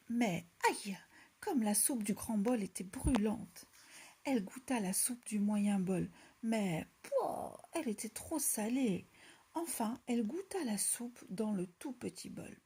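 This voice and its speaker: A woman reading a children's story aloud in a soft, hushed, half-whispered voice. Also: medium pitch, expressive, measured pace, breathy edge.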